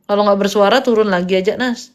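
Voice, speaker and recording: A woman's voice: mid-range voice, fast. A woman hosting a live stream, chatting casually and rambling, scolding and lecturing her viewers. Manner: chatty, rambling and scolding, jumps between topics. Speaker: live-stream host giving spiritual consultations.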